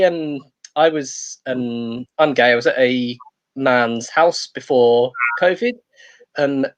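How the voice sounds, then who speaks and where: A man doing a stand-up comedy set, hesitant and rambling, with many pauses and restarts. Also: on the high side.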